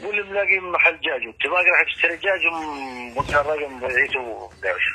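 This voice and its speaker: A man's voice: fairly high pitch, quick pace, pushed and bright, slight background noise. A man with a Levantine Arabic accent in a casual phone conversation, talking bluntly and coarsely. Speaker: prank call target.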